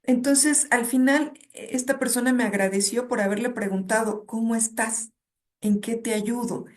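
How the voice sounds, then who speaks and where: Woman, fairly high voice, academic guest, reflective anecdotal conversation. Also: steady tone, normal speed. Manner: reflective, tells stories and checks in with '¿no?'. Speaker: guest speaker and academic advisor. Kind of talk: conversational talk with personal anecdotes.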